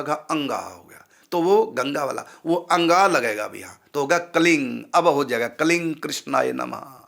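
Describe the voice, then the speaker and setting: Gravelly man teaching mantra pronunciation. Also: a little high, a bit bright. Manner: patient, repeats syllables to drill sounds. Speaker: spiritual teacher.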